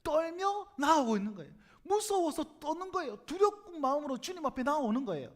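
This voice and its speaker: A man's voice: very high voice, fairly quick. A male pastor with a Gyeongsang Korean accent preaching a sermon in a church, telling the story animatedly and joking with the congregation. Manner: animated storytelling, acts out crowd voices, jokes with congregation. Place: church sanctuary.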